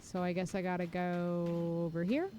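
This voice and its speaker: A woman's voice: lowish voice, flat delivery, moderate pace, dark tone, a little hiss or hum. A woman streaming a game, giving casual, wry running commentary with sudden exclamations. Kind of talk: casual gameplay chat.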